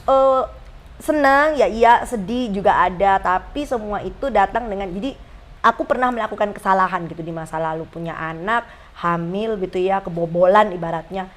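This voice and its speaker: A woman in her forties, a guest on a casual chat, telling her story in a slangy, lively way. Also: medium pitch, moderate pace. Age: 40s. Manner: lively storyteller who acts out quoted voices; slangy, chatty.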